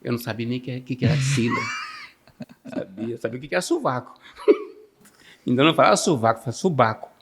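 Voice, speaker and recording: A man's voice: mid-range voice, wildly swooping pitch, quick pace, long pauses, noisy background. A man with a Brazilian Portuguese accent, a podcast guest telling funny life stories in a casual way and laughing often. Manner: laughs often, acts out quoted voices. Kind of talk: casual storytelling.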